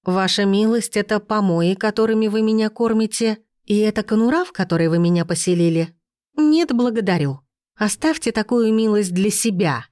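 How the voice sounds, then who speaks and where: A woman's voice: medium pitch, expressive, normal speed, a little mellow, no echo, studio quality, voice pushed up, natural voice. A woman voicing a defiant young noblewoman who speaks in a firm, cold, steely tone.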